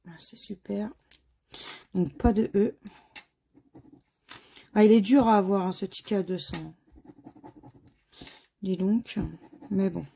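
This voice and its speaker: A woman from France commenting as she scratches lottery tickets, spelling out letters one by one in a slightly hoarse voice. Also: medium pitch, steady tone, takes it slowly, long pauses, mellow. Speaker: scratch-card video host. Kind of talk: casual scratch-card commentary.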